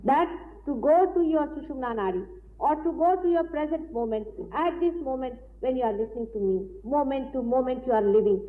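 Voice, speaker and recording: A woman giving a deliberate, explanatory spiritual lecture, heard on an old tape recording. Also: fairly high pitch. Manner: deliberate, explanatory, with frequent pauses. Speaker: spiritual teacher. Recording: tinny old lecture tape with faint hiss.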